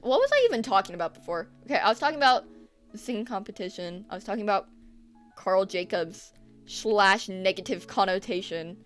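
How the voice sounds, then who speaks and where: A young woman chats on her art stream, drifting from topic to topic and forgetting what she was saying. She swears freely and works herself up into animated, laughing rants. Faint music plays softly behind her. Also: mid-range voice, a little fast. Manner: rambling, swears often, loses her train of thought. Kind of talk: casual live-stream chat.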